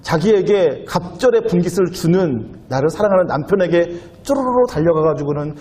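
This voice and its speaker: A man's voice: on the high side, animated, normal speed, a little mellow. A young adult male pastor giving a sermon in a conversational way, asking the listeners questions and acting out quoted lines in a raised voice. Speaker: youth pastor.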